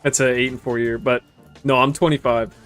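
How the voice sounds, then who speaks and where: A man's voice: mid-range voice, brisk. Man in his twenties, laid-back streamer chatter over faint game music. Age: 20s. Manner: relaxed, rambling, swears casually. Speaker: gaming streamer. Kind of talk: casual gameplay commentary chatting with viewers.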